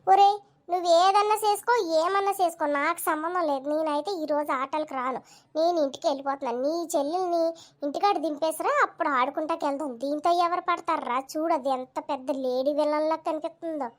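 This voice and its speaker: A woman's voice: sits high, natural voice. A woman voicing a young cartoon schoolboy, an elder brother who whines, complains and panics easily. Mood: exasperated. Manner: whiny, complaining, quick to panic. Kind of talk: cartoon voice dubbing.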